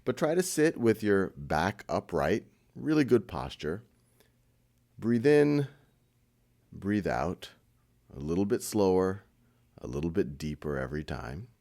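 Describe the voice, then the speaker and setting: A man guides a meditation in a relaxed, chatty way, encouraging and gentle, with a touch of self-deprecating humor. His voice is low and creaky, swinging widely in pitch, and he takes his time with frequent pauses.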